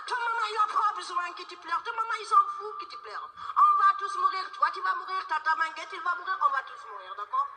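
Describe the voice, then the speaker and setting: A woman's voice: very high-pitched, very fast, hardly any pauses, bright, forceful tone, big-room sound, far from the mic, voice pushed up, full character voice. A woman doing a bossy, blunt Senegalese auntie. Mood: scolding. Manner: scolding, blunt, commanding.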